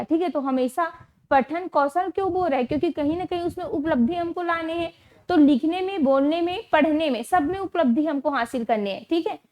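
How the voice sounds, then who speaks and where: A woman teacher giving an exam-prep lecture, repeating key terms slowly and checking understanding with rhetorical questions. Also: sits high, a little mellow.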